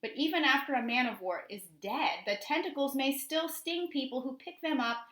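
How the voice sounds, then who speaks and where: A female teacher reads a nature book aloud to children, pronouncing words clearly and with expression while asking her young audience questions. Her voice is high and fairly bright, at a normal pace, and the recording sounds echoey and roomy.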